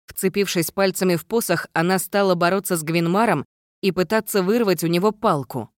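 A woman narrating a first-person fantasy audiobook in a steady, measured way. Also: fairly low pitch, no echo, studio quality. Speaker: audiobook reader.

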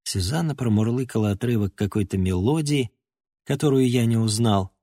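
A man narrating an audiobook in an expressive storytelling manner. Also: mid-range voice, normal speed, no echo, studio quality. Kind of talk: scripted narration.

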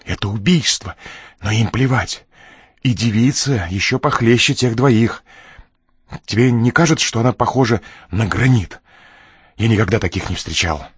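A man's voice: moderate pace, slightly rough, dry recording. A man voicing a frightened, nervous man in an audiobook, pleading and close to tears. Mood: anxious. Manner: shrill, pleading, frantic outbursts.

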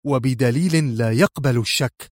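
A man's voice: mid-range voice, normal speed, dry recording, studio quality, natural voice. A man voicing a smug male impostor who answers with arrogant mockery. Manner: arrogant, mocking. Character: smug man mimicking a crime boss.

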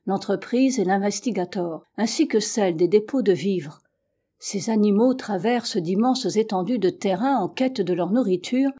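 A woman reading a classic adventure novel aloud as an audiobook, in a steady, measured way, a little louder for the characters' lines. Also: medium pitch. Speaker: audiobook reader. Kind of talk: scripted narration of a classic novel.

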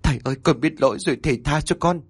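A man's voice: mid-range voice, lively intonation, a little fast, husky, dry recording, clean studio sound. A man voicing a terrified young wife who stammers and pleads through tears in a horror story. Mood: tearful confessing. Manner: sobbing, stammering pleas.

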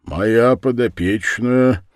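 A man voicing a hot-tempered old host who booms and thunders at his guests. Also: slow pace, no echo, studio quality, close to an everyday voice. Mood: confiding. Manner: booming and thundering. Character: old booming male host, hot-tempered but kindly.

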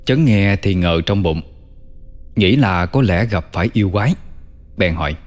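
Male storyteller, low calm voice, long reverb, soft music behind. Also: normal speed. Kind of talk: storytelling narration.

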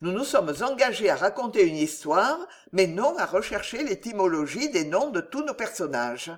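An audiobook narrator reads a classic novel in a measured storytelling manner. The voice sits at a middle pitch. The intonation moves widely and stays expressive.

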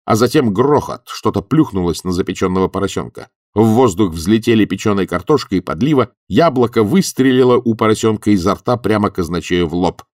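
A man narrating an audiobook in an expressive, wry manner. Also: fairly low pitch, fairly quick, hardly any pauses, no room sound, studio quality.

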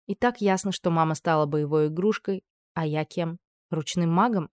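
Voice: medium pitch, moderate pace, smooth, no echo. Dry, close audiobook narrator. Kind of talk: first-person audiobook narration.

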